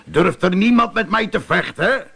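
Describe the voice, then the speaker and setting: A man's voice: sits high, expressive, moderate pace, creaky, pushed and bright, slightly rough, pitched above the performer's own voice, heavily acted. A man voicing a boastful giant warrior who bellows and taunts, his voice raised well above his own. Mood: taunting.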